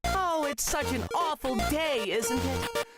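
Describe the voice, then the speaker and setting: A woman voicing a silly, mischievous clown-like game character, theatrical and drawn-out, in game audio. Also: high voice, expressive. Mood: mocking glee. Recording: quiet game audio under loud music.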